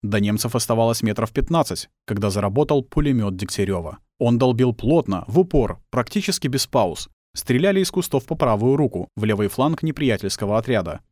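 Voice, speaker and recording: Expressive male audiobook narrator. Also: mid-range voice, a little fast, few pauses, no room sound, clean studio sound.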